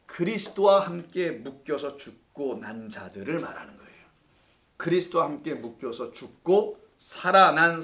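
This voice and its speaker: A man's voice: fairly high pitch, fairly bright tone. A male pastor leading a Bible study sermon in a church, teaching in a conversational way, joking with the congregation and asking questions that he answers himself.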